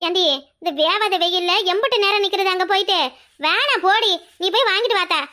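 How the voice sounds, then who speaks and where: A woman voicing a fretful, sharp-tongued village wife in a cartoon, with a Tirunelveli Tamil accent. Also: very high-pitched, a little fast. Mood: grumbling. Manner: grumbling, scolding. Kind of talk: cartoon voice acting.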